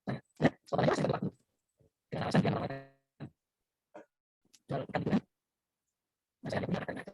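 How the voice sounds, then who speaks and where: A man talking haltingly in a casual meeting over a video call, his audio glitching and breaking up. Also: a little mellow, slight background noise. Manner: halting, with restarts.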